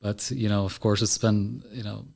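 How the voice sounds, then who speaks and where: In a relaxed studio interview, an Iranian podcast guest around thirty fills his speech with "uh" and "you know." He speaks at a moderate pace in a lowish, steady, slightly mellow voice with vocal fry.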